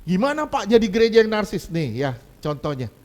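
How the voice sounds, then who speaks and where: Male pastor, higher-pitched voice, lively conversational sermon delivery with loud punches and quiet asides. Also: brisk. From Indonesia.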